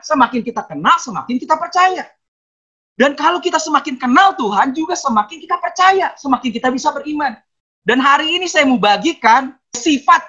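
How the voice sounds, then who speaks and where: A woman preaching a sermon in an animated way, often exclaiming and mixing in English phrases. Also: sits high, muffled recording.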